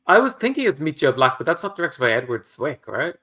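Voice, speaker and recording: A man's voice: fairly high pitch, very animated, a little fast, sharp tone. A man, maybe, chatting casually on a livestream, half talking to himself with dry exclamations. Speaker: co-host of a writing livestream.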